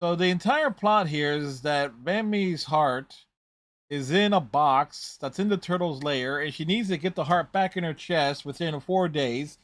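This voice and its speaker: A man's voice: fairly high pitch, measured pace, fairly bright tone, no echo. A man hosting a reaction video, giving casual, rambling, conversational running commentary on a TV show.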